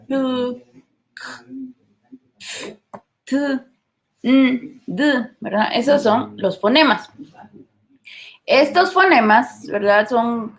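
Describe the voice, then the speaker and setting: A woman teacher with a Guatemalan accent explaining a lesson, checking in with tag questions and pausing on fillers. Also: on the high side. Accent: Guatemalan Spanish. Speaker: literature teacher. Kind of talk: recorded class lesson.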